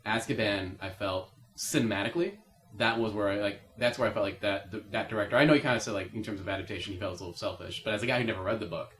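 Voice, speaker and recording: A man on a podcast panel, chatting casually and getting excited as he tells a story. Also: fairly low pitch, very fast. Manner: excitable storyteller who builds up to shouting. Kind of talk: casual chat.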